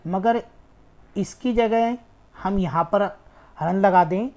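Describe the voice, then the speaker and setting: A woman with a warm, medium-pitched voice takes her time as she teaches an online exam-prep lecture. She goes step by step, repeats important words for emphasis, and keeps checking in with "ठीक है".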